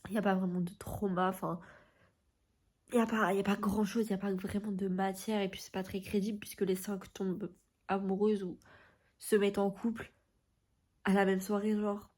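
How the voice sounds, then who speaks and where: A woman's voice: medium pitch, level tone, moderate pace, darkish tone. A woman chatting casually in a reading vlog, informal and rambling, with a stuffy, nasal voice as if sick with a cold. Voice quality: nasal, congested voice from being ill. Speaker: book vlogger.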